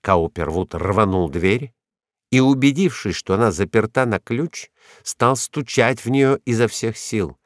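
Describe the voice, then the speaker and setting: A man's voice: fairly low pitch, measured pace, dry recording, studio quality. A man narrating a historical novel as an audiobook in a tense, dramatic reading style.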